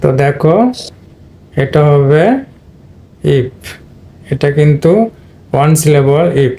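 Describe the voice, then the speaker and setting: A man's voice: on the high side, little pitch movement, slow pace, mellow. A man teaching English spelling and pronunciation, explaining step by step and speaking directly to his students. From Bangladesh. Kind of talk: Bengali-language spelling and pronunciation lesson.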